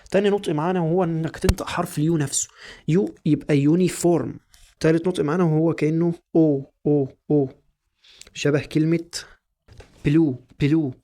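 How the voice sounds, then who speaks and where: A young man with an Egyptian Arabic accent teaching English pronunciation in a casual lesson, repeating each sound slowly several times. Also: a little high, vocal fry, darkish tone.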